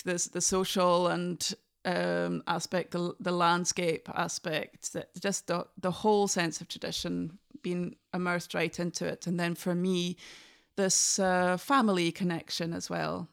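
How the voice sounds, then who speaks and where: A woman from the north of Scotland speaks with a Highland Scottish accent. Her voice sits a little low and is smooth and clean. She talks in a reflective, anecdotal way, as a guest in a casual interview. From Inverness, north of Scotland. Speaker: podcast guest, fiddle player.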